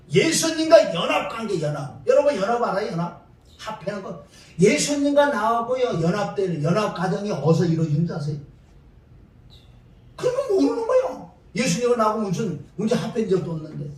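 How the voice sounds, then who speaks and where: High-voiced Korean pastor preaching, echoey. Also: male voice. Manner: quizzes the congregation with repeated questions. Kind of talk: sermon. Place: church. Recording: echoey church hall from far off.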